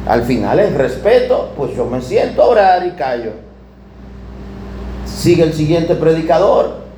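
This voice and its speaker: A man preaching a sermon, telling stories with emphatic, drawn-out key words and shifting pace. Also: high voice, dark tone. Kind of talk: sermon with storytelling. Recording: echoey room with air conditioning hum.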